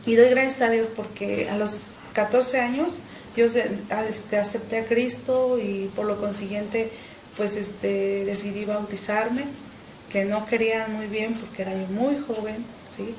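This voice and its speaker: A middle-aged woman, giving an earnest personal faith testimony in an interview, often pausing on "este" and repeating words. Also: medium pitch, steady tone, darkish tone, reverberant, a little hiss or hum, poor audio. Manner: earnest, with frequent "este" fillers and repetitions. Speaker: interview guest.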